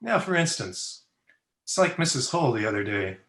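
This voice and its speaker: An actor playing a crusty, teasing frontier town doctor in an old-time Western radio play, with dry, folksy banter. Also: male voice, medium pitch, sing-song, moderate pace, a bit bright. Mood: wry, teasing. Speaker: actor in an amateur radio drama. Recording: roomy, echoey video-call recording.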